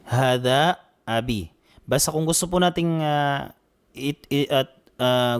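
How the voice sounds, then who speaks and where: A man teaching an online Arabic grammar lesson. He is patient, repeats his points often, keeps checking in with students, and slows down to say each Arabic phrase clearly. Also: medium pitch.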